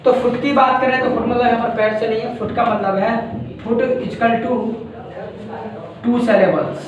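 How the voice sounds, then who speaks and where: A man's voice: very high-pitched, fairly even intonation, unhurried, crowd noise. An Indian man teaching a class, explaining step by step and repeating each point, checking that students follow. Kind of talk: classroom lecture. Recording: very echoey room from far off.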